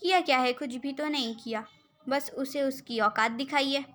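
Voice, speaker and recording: A woman's voice: sits high, normal speed, fairly bright tone, soft background music. A woman voicing a jealous, hotheaded young man in love, reading his lines in a storybook role reading with brooding retorts. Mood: bitter.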